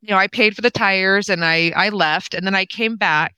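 Bright, clear-voiced woman telling a story. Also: medium pitch, normal speed, no room sound, studio quality. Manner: emotional, acts out quoted dialogue. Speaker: guest, nonprofit co-founder. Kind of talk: casual conversational storytelling.

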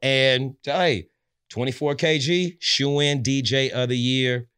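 A mid-pitched man chats as a podcast guest. He is a DJ and radio host, and he talks loose and slangy. When he plugs his shows he rolls into a punchy, rhyming hype delivery. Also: steady tone, slow, fairly bright tone, clear, resonant tone. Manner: streetwise, hype slang, rhythmic self-promotion. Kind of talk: casual podcast interview.

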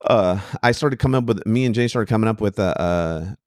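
A man's voice: fairly low pitch, brisk, dry recording, studio quality. A man, a stand-up comedian, telling road stories in a casual podcast chat, acting out quotes and swearing freely. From Sacramento area. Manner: animated storyteller, acts out quotes, swears freely. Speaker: comedian guest.

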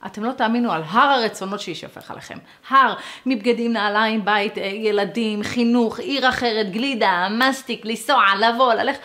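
Animated woman teaching a lesson. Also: fairly high pitch. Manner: animated, acts out quoted dialogue; conversational, speaks straight to listeners.

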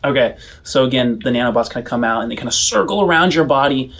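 A man's voice: mid-range voice, lively intonation, fast talker, a bit bright. A man narrating as game master of a tabletop game, rambling with many fillers and restarts.

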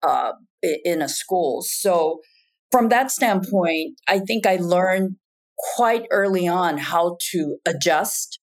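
A woman's voice: fairly low pitch, expressive, slow. A woman from Japan speaking as a podcast guest, talking in a reflective way with frequent "you know" and "in terms of". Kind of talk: casual conversation.

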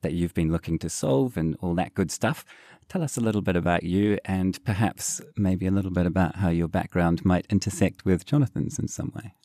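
A man hosts a relaxed interview. His voice is deep, he sounds friendly and chatty, and the recording is dry and close. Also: fairly quick, no room sound. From New Zealand. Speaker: podcast host. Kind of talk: casual interview chat.

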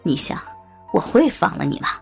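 A woman voicing a cruel, leering middle-aged man in an audio story, with a low, gravelly, taunting voice. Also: very animated, moderate pace, warm tone, faint music behind, exaggerated voice. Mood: sneering. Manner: sneering, menacing, taunting.

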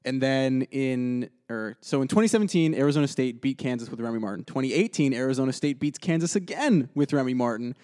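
A man's voice: medium pitch, expressive, brisk, hardly any pauses, a little mellow, smooth. A young man co-hosting a podcast, talking sports in a laid-back way with casual slang and repeated words. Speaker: podcast co-host.

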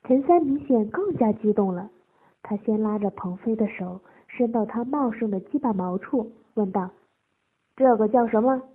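A woman narrating an adult audio story in a steady reading voice. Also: mid-range voice, moderate pace, breathy edge. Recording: tinny phone-like lo-fi audio.

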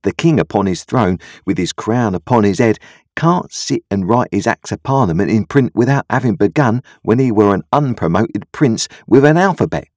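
A male storybook reader acts out a kindly, slow-reasoning, uneducated country blacksmith, an adult man who earnestly talks things through in homespun, ungrammatical speech. The voice is slightly rough, darkish and animated, swinging widely in pitch at a moderate pace. The mood is reassuring and reflective, recorded dry and close.

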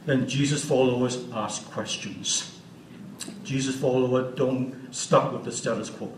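A man's voice: medium pitch, fairly even intonation, a little slow, slight background noise. A man of sixty giving an unscripted church teaching as a guest speaker, earnest and often asking the audience questions. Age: 60s. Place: church hall. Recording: roomy hall audio from a distance.

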